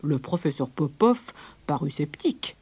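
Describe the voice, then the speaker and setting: A woman narrating a children's storybook with a gentle, expressive read-aloud manner. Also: low-pitched, measured pace, slightly rough, no room sound.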